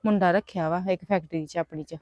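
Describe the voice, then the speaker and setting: A woman's voice: lowish voice, steady tone, quick pace, darkish tone, no room sound, natural voice. A woman in her late twenties playing a hesitant elder daughter who confides in a friend. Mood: confiding. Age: 20s. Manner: hesitant, pleading. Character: shy 29-year-old woman confiding a crush. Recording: dry, dull lo-fi sound.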